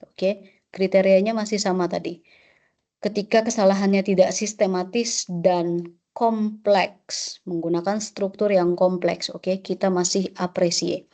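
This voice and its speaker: Mellow-voiced woman lecturing a webinar. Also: medium pitch, steady tone, unhurried. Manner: checks in with a frequent "oke?"; mixes in French terms. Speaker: French exam instructor.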